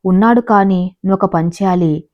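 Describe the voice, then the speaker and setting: A woman's voice: medium pitch, brisk, highs cut off, close to an everyday voice. Woman voicing a scheming spiteful woman.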